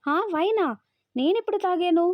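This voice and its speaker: A woman voicing a caring, steadfast young heroine in a gentle, earnest reading. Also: extremely high pitch, moderate pace, no room sound, voice pushed up. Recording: dry, slightly dull recording.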